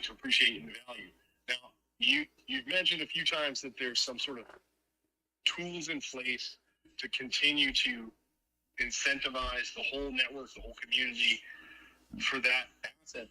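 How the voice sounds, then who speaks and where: A man's voice: medium pitch, big pitch swings, normal speed, creaky, pushed and bright, low-quality recording. A man as a guest in a casual chat, rambling with frequent fillers.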